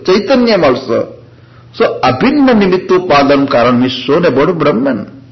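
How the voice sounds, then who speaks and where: Animated Indian-accented man teaching scripture. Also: high voice. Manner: teacherly, punctuates explanations with short check questions. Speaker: spiritual teacher of Vedanta scripture. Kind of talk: informal scripture lecture with Sanskrit chanting and commentary. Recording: dull, lo-fi lecture recording.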